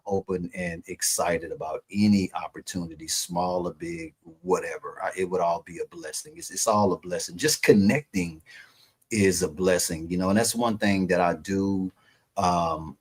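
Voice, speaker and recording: At a radio station, a man hosts an interview show in a warm, chatty way, repeating words and using lots of fillers. His voice sits low with a breathy edge, and he talks at a moderate pace.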